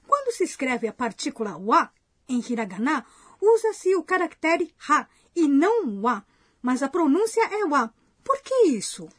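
A woman with a high, very lively voice asks questions in a language lesson, with a bright and curious manner. Her pitch rises and falls a lot, and the sound is dry and close. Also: measured pace, dry recording. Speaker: co-host asking questions. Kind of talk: scripted lesson dialogue.

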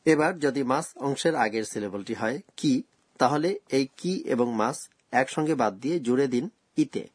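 A man presents a scripted language lesson, walking through grammar rules slowly and with care. His voice is husky, and the recording is dry and close with no room sound. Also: medium pitch, animated, a little mellow, no echo, soft background music. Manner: slow, careful explaining of grammar rules.

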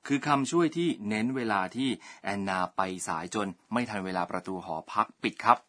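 Bright-voiced man teaching a language lesson. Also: lowish voice, lively intonation, fairly quick. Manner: polite, explains word by word.

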